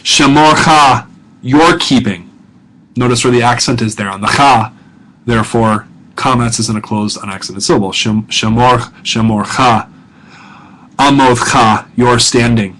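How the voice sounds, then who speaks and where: A man's voice: medium pitch, moderate pace, a bit bright, rough recording. A middle-aged male professor talking students through a grammar lesson, casual and self-correcting, with many fillers and check-ins. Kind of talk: recorded lesson narration.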